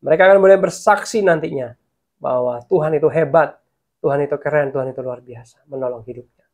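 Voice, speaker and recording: Gravelly-voiced male preacher, animated. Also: a little high, fast. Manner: lively preaching, swells loud in prayer. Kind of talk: online sermon and prayer.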